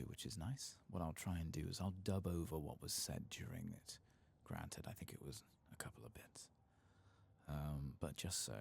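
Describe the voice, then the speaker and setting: An ASMR gaming streamer, sounding tired, murmurs softly through his game and often drops into a whisper. His very deep voice is heavily creaky with a breathy rasp, and its pitch moves about lively as he talks unhurriedly to himself, over a little hiss or hum.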